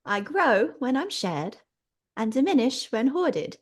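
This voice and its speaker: A woman's voice: sits high, sing-song, slow pace, husky, full character voice. Woman playing a sweet, earnest adventurer. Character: wholesome, cheerful young woman adventurer.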